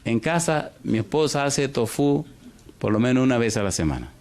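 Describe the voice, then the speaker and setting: A pastor delivers a sermon in an animated, medium-pitched voice. He keeps quizzing the congregation with yes-or-no questions, swinging between rushed bursts and drawn-out phrases.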